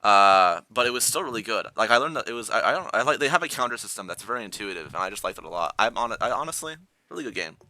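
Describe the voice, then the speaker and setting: A man's voice: lowish voice, animated, fast, few pauses, pushed and bright, no room sound. A man co-hosting a casual podcast chat with friends, rambling and restarting his sentences often. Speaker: podcast co-host.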